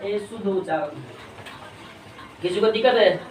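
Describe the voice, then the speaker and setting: Male teacher in a roomy classroom, heard from a distance, asking questions and spelling words out slowly. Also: sits high, a crowd in the background. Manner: asks questions and has the class repeat. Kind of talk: classroom pronunciation drill. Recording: roomy, distant mic, faint hum.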